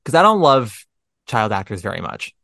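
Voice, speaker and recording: Animated man hosting a podcast, dry close sound. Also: lowish voice, normal speed, vocal fry, no echo. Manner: animated, emphatic, jokey. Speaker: podcast host. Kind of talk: casual conversational interview.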